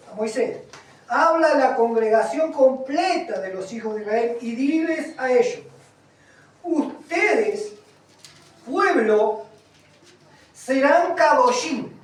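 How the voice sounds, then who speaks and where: Preacher, emphatic sermon, questions the flock, recorded distant in a very echoey hall. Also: high voice. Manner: emphatic, asks the congregation questions. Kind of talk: sermon with Bible reading. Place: congregation hall, also streamed. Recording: echoey room from far off.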